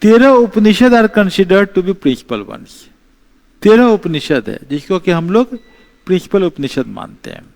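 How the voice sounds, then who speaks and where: A man giving an exam-prep history lecture, explaining slowly, repeating key terms and mixing in English phrases. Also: sits high, big pitch swings, darkish tone. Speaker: teacher.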